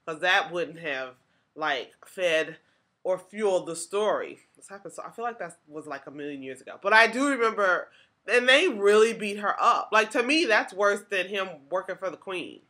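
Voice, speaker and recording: A woman's voice: medium pitch, expressive, moderate pace, pushed and bright. A woman hosting a podcast, talking through a TV episode in a chatty, casual way with lots of "like" and restarts. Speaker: podcast host.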